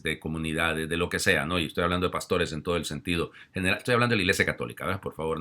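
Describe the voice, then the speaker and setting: Deep-voiced, bright-toned preaching priest. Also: male voice. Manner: conversational preaching with frequent asides and rhetorical questions; swings between loud emphatic exhortation and soft confiding tones. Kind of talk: homily.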